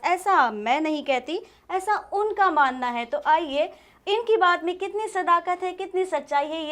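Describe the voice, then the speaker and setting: A woman hosting a comedy talk show, introducing the guest politely and then teasing and questioning him. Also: high voice. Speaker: host.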